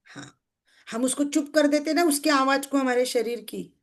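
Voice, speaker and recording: A woman's voice: high voice, moderate pace. A middle-aged woman, leading a motivational workshop as a success coach. She keeps asking her listeners questions, checks that they agree, and acts out everyday scenes in quoted speech. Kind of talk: motivational group workshop talk.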